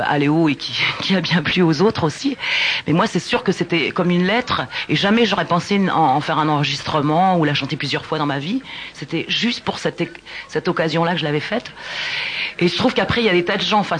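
A woman singer-songwriter telling stories in a casual radio interview, talking in an animated, halting way with many restarts. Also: low voice, slight background noise.

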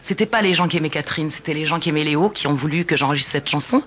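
A woman singer-songwriter telling stories in a casual radio interview, talking in an animated, halting way with many restarts. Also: deep voice, husky.

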